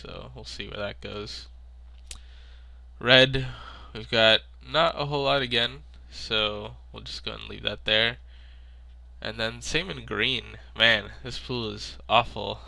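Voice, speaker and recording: A man's voice: mid-range voice, gravelly, sharp tone, no echo. A man with a sick, stuffy, nasal voice, thinking aloud in casual card-game commentary. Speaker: video maker.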